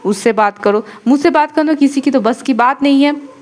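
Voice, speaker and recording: A woman's voice: high voice, normal speed, darkish tone, natural voice. A woman doing a stern sarcastic professor. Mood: scolding. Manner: scolding, sarcastic questioning. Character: stern sarcastic female professor, feverish and irritable.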